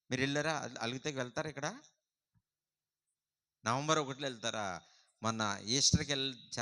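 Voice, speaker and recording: Bright-voiced man preaching a dramatic sermon. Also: fairly low pitch, clear, resonant tone. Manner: dramatic, swings from hushed to loud calling; asks the congregation questions.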